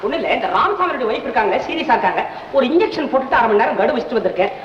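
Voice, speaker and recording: A high, rapid-fire voice of a gossipy comic doctor, who chatters and needles everyone. He sounds like an old film soundtrack, muffled and ringing with long reverb. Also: very animated, a little hiss or hum. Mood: flustered. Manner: fast, gossipy, wheedling comic patter. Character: chatty meddling male doctor, gossiping and teasing.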